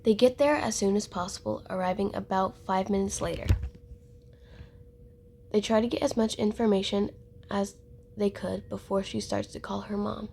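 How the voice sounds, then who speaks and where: A woman's voice: medium pitch, fairly even intonation, normal speed, vocal fry, darkish tone, slight background noise. A woman casually telling an improvised story and chatting with her viewers.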